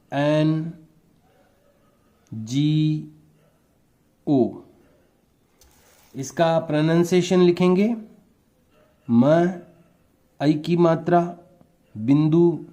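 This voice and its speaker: A man teaching a spelling lesson to young children, spelling words out letter by letter in a patient, deliberate way. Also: fairly high pitch, mellow.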